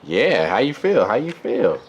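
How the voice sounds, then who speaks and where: A man filming and chatting casually, relaxed and hyping his friend up. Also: lowish voice, unhurried, a little hiss or hum. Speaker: videographer. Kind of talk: casual chat.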